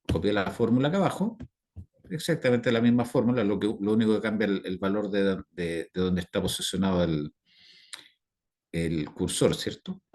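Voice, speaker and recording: A man's voice: mid-range voice, a little mellow. A Chilean man teaching an online class over a video call, rambling with fillers and constantly checking in with his students. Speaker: instructor.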